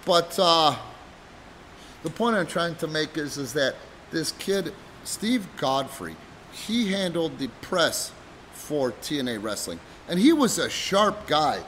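A man's voice: on the high side, very animated, takes it slowly, fairly bright tone, a little hiss or hum, rough recording. A middle-aged man co-hosting a casual chat, telling stories in a profane, rambling way. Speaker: podcast co-host, wrestling promoter.

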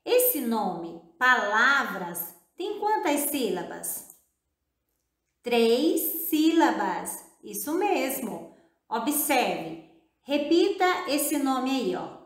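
Woman teacher, video lesson for kids, slow and drawn-out, somewhat high voice, echoey room. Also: sing-song, a bit bright. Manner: slow, drawn-out, encouraging, often repeating and spelling out syllables. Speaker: primary school teacher. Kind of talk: recorded video lesson for children.

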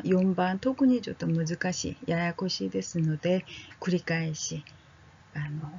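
A woman teaching a friendly language lesson, slowly drilling vowels aloud and checking on her learners in a casual way. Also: on the low side, darkish tone, husky, highs cut off. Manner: casual and friendly, with fillers like "ano". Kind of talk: slow, gentle language lesson.

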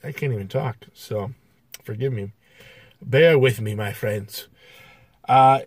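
A man's voice: mid-range voice, darkish tone, dry recording. A man hosting a casual film review, talking loosely and hesitantly with many fillers. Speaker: movie reviewer.

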